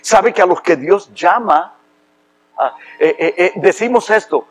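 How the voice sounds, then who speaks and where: A man from Rico, preaching a sermon with impassioned, emphatic delivery that rises to loud preaching. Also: high-pitched, animated, a little slow, poor audio. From Puerto Rico. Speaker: pastor.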